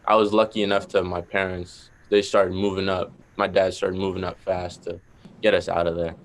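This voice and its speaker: A man's voice: low voice, level tone, normal speed. A young man with a Boston accent, a rapper guest talking casually and rambling with lots of fillers. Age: young adult. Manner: laid-back, rambling with many fillers. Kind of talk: casual interview chat.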